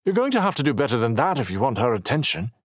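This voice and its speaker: A man's voice: mid-range voice, big pitch swings, quick pace, no room sound, clean studio sound, voice pushed up. A man narrating an audiobook voices an injured, determined man who talks earnestly, teases, and snaps back. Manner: earnest, teasing, snappish.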